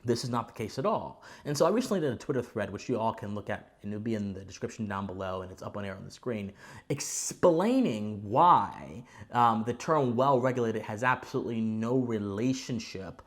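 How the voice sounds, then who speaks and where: A man's voice: fairly low pitch, expressive, fairly quick. A man hosting a commentary channel, explaining to viewers in a didactic, formally worded way with emphatic stress on key words. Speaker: host of a political commentary channel.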